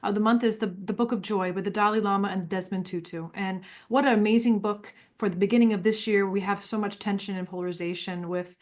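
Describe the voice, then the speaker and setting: A woman's voice: mid-range voice, steady tone, fast, few pauses. A woman hosting an online community forum who talks earnestly and rambles, with fillers. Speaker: host.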